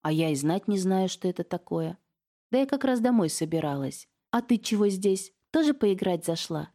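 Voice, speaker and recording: A woman voicing a flustered middle-aged aunt who is evasive and frightened, talking in a high, strained voice. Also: moderate pace, mellow, lightly acted. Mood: falsely cheerful. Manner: chattering falsely cheerful, then tearful and pleading.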